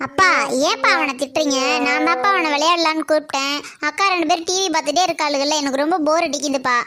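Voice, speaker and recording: A woman's voice: high-pitched, fast, over loud music, lightly acted. A woman voicing Nisha, a chatty little cartoon girl who complains about her father. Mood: complaining. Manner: complaining, whiny. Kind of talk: cartoon comedy acting.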